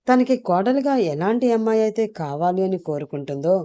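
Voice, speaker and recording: A woman narrating a scripted audio story in a calm, even storytelling manner. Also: medium pitch, fairly quick, dry recording, muffled recording.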